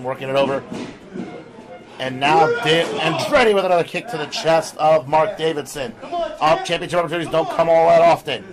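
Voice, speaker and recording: A man working as a lucha libre announcer, giving live play-by-play and calling wrestling moves in short bursts. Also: fairly high pitch. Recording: crowd noise behind commentary. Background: live crowd.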